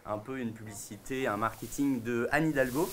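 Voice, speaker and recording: A young man hosting a casual news chat show, relaxed, with frequent pauses and fillers. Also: medium pitch, slight background noise. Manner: relaxed, hesitant, many fillers. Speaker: host.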